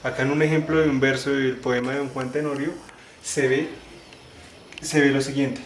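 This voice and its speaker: A young man giving a class presentation, explaining step by step, restarting phrases and slowing down to spell out syllables. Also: mid-range voice, little pitch movement. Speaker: student presenter. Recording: echoey room, faint ambient noise.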